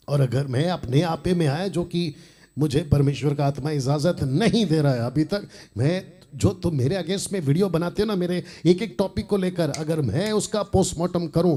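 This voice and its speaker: A man preaching a sermon, fiery and defiant, swinging between loud emphatic lines and hushed asides. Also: a little high. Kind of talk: Hindi sermon teaching.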